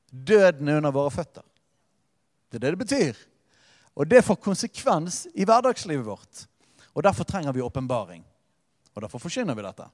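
A man's voice: a little high, big-room sound. A man preaching a sermon as pastor, with impassioned delivery that swells and drops and uses emphatic repetition.

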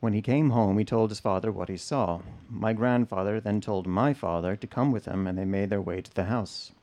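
Mellow, low-voiced man telling a story. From United States. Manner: measured, explanatory narration. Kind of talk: personal storytelling to an audience.

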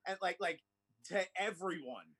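A man swaps stories with friends in loose, foul-mouthed banter. His voice sits a little high. He acts out the people he quotes with lively energy. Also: normal speed, husky. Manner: animated storytelling with acted quotes. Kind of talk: casual profane banter.

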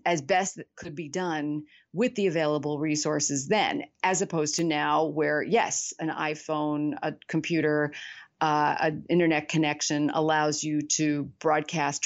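A woman author being interviewed, speaking reflectively and candidly with many fillers. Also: deep voice. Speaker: author guest. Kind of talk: conversational interview. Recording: muffled, lo-fi remote audio.

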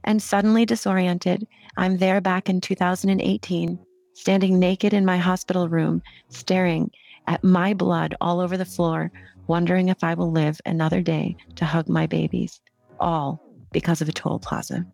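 Woman author, low creaky voice, dry close mic, measured heartfelt essay reading. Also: level tone, a little mellow, no room sound.

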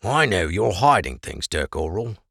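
A man's voice: low voice, sing-song, normal speed, creaky, fairly bright tone, breathy edge, no echo, clean studio sound, exaggerated voice. A man voicing a scheming male merchant neighbor who speaks in odd, stilted phrases. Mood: sly.

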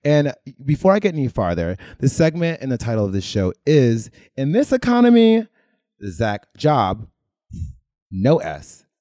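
Man, podcast host, low mellow voice, jokey and rambling, dry close sound. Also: big pitch swings, measured pace, no room sound. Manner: jokey, rambling, laughs at his own slips. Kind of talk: casual interview chat.

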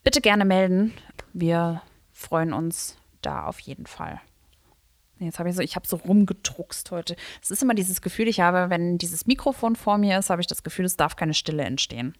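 A woman's voice: fairly low pitch, animated, normal speed, no echo. A woman hosting a local newspaper podcast in casual chat, rambling and laughing often.

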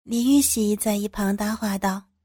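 A woman's voice: mid-range voice, normal speed, dark tone, husky, no echo, studio quality. A woman narrating an adult audio drama in the first person, turning flirtatious and teasing in her character's dialogue.

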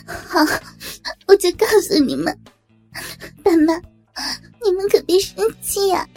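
A woman's voice: very high-pitched, a little slow, creaky, warm tone, faint music behind, voice pushed up, exaggerated voice. A woman voicing a tearful, pleading teenage daughter who stammers through sobs. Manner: sobbing, stammering.

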